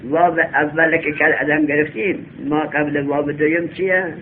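A male teacher giving a classroom lesson, reading a text slowly aloud, then explaining it and quizzing his students. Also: a little high, little pitch movement. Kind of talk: classroom lesson on Arabic grammar. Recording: tinny lo-fi recording with faint hum.

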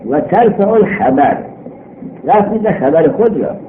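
Animated male seminary teacher on worn tape. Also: high voice. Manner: didactic, drawn-out reading, asking and answering own questions. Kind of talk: grammar lesson, reading a text aloud and explaining it line by line. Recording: old worn tape, muffled narrow band, faint noise.

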